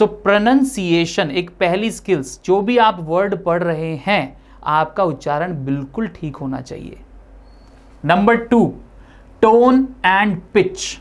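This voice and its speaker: A man teaching a spoken English lesson, explaining step by step and talking straight to the viewer with everyday examples. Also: sits high.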